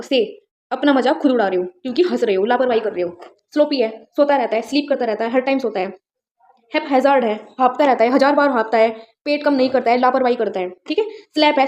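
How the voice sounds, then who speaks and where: A woman's voice: high-pitched, darkish tone. A woman teaching an exam-prep vocabulary lesson, explaining words with memory tricks and often checking that students follow. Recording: dull, lo-fi sound.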